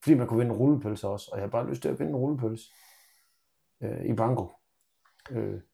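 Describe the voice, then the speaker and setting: A podcast co-host trades casual banter and tells joking stories, teasing and playful throughout. His voice is medium-pitched, gravelly, and mellow.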